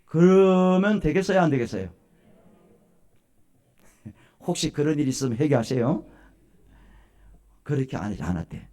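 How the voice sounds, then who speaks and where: A man's voice: a little high, a little slow, long pauses. A male pastor giving a sermon at a church service, telling stories and asking questions of the congregation. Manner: animated storytelling, questions to the congregation.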